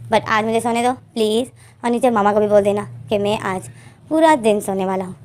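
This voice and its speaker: A woman's voice: mid-range voice, a little fast, darkish tone, voice pushed down, lightly acted. A woman voicing a lazy young man who begs to sleep in, in a lightly acted story reading. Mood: sleepy pleading.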